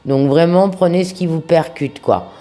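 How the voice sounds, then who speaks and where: Low-voiced woman sounding sick, halting tarot reader. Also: warm tone. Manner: affectionate, familiar address to viewers. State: sick-sounding voice, under the weather. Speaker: tarot reader, host of a video channel. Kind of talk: informal tarot guidance monologue to viewers.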